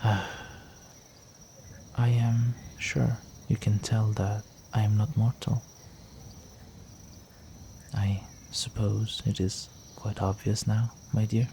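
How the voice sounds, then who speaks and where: In an intimate fantasy audio roleplay, a man voices an ancient vampire noble who flirts with the listener through formal, teasing seduction laced with quiet menace. His low, creaky voice is slow and very even, with music behind it and a slight hiss or hum; the mood is teasing and predatory.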